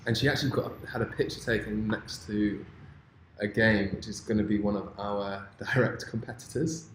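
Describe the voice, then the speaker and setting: A man co-hosting a casual podcast, chatty and quick to laugh. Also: fairly low pitch, steady tone, a little hiss or hum. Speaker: podcast co-host. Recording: echoey room, faint ambience.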